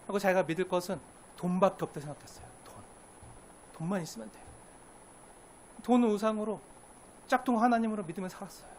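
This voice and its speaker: High-voiced Korean preacher man. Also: a little hiss or hum. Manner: preaching with questions to the congregation and acted quotes. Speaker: pastor. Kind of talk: sermon.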